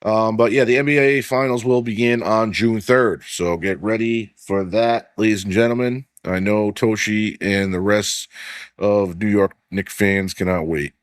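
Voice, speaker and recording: A man's voice: fairly low pitch, steady tone, unhurried, clean tone, dry recording, studio quality. A man hosting a casual sports podcast, swearing freely and leaning on fillers while he reads off stats. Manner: loose and profane, heavy on filler "like", reads stats aloud. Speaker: podcast host.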